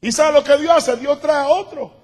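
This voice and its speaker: A man pastor preaching a sermon in Spanish to his congregation, building from steady teaching to shouted emphasis. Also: very high-pitched, moderate pace. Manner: preaching, rising to shouts at times.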